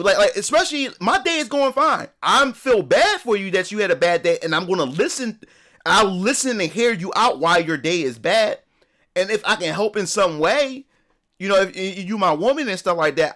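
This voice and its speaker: A man talking to his stream audience in a loose, casual rant. His voice sits high, and he swears freely and piles up repeated words as he presses his point. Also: expressive, moderate pace, bright, forceful tone. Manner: ranting, emphatic, swears a lot; repeats words and restarts as he builds up. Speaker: live streamer. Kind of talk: casual live-stream chat.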